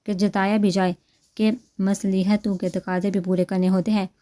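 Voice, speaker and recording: A woman's voice: medium pitch, flat delivery, mellow, natural voice. A woman reading the lines of a cool, careless young husband. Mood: offhand. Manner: offhand, careless.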